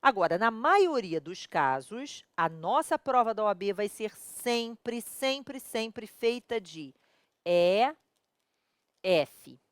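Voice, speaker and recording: Animated Brazilian woman teaching law. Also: mid-range voice, slow, no echo. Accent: Brazilian Portuguese. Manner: lively, colloquial, full of rhetorical questions to students; addresses viewers directly and familiarly. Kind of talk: recorded video lesson.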